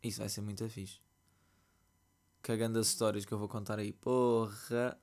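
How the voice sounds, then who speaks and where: A young man with a European Portuguese accent hosting a solo podcast late at night, telling a story in an animated, slangy, ranting way while sleepy. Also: lowish voice, moderate pace. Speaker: podcast host. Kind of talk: casual solo podcast monologue. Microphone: computer mic.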